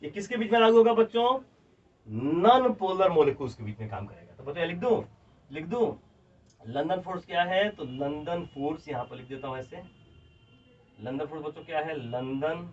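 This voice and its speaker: Animated Bihari teacher, distant lo-fi sound. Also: male voice, a little high, brisk. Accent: Bihari Hindi. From India. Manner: repeats points and keeps calling the students children; emphatic, animated explaining, dictating notes word by word. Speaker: chemistry teacher. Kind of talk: classroom chemistry lecture. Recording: distant, dull lo-fi classroom audio.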